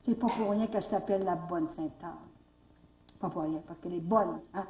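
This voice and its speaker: A woman with a Canadian French accent telling faith stories at a retreat, lively, repeating herself and rising into exclamations. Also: on the low side, normal speed. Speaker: retreat speaker. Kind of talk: storytelling talk. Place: retreat hall. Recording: echoey room, mic far off.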